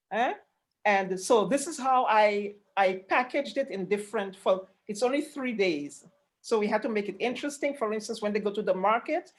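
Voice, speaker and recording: A woman explaining her work conversationally on an online panel, halting at times and repeating words for emphasis. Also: mid-range voice. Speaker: panelist presenting a rural tourism programme. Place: online video call.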